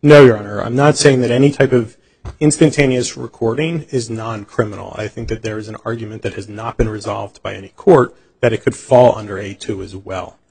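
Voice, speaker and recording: A male attorney making a formal, measured oral argument in a courtroom. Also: on the low side, creaky, darkish tone, slightly rough, low-quality recording. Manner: formal and measured, repeatedly says "Your Honor". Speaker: attorney arguing before an appeals court.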